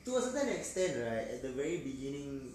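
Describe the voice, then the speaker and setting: A man's voice: medium pitch, very animated, fast, darkish tone. A Singaporean man with a Singaporean accent, co-hosting a casual chat in agreeable, colloquial Singlish. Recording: very echoey, distant from mic, faint noise.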